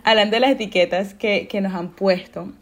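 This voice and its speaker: A woman's voice: medium pitch, fairly even intonation, moderate pace. A young woman, hosting a casual podcast chat, telling stories loosely and laughing often. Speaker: podcast host.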